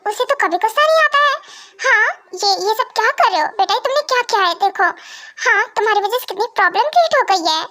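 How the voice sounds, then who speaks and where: A woman's voice: very high-pitched, expressive, quick pace, bright, forceful tone, full character voice. Woman playing a caring vampire mother. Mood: soothing. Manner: soothing then scolding. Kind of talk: fan voice drama.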